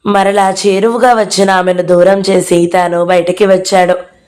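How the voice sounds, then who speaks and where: A woman's voice: mid-range voice, flat delivery, moderate pace, darkish tone. A woman narrating a novel aloud as an audio-book reader, reading out every character herself.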